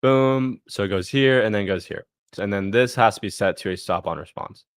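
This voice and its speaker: A man casually walking through a software demo on a live screen share, thinking aloud as he clicks and punctuating steps with "boom". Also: moderate pace, clean tone, dry recording, clean studio sound.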